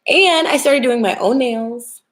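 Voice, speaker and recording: A woman's voice: a little high, unhurried, fairly bright tone. A young woman with a smoky whiskey voice from a cold, chatting casually and informally to livestream viewers as a tarot reader. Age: young adult. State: getting over a cold. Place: home kitchen, indoors.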